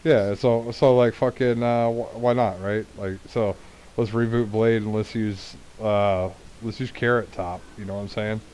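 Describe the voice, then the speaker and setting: A man's voice: on the low side, fairly even intonation, unhurried, darkish tone, clear, resonant tone, rough recording. A man streaming a game, chatting casually in a crude, joking, rambling way. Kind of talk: casual chat while gaming.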